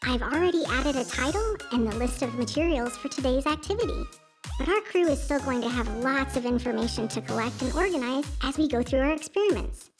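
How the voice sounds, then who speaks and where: A woman's voice: high-pitched, animated, a little fast, music in the background. A woman voicing a friendly, studious cartoon science helper in scripted educational narration. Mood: helpful, instructive.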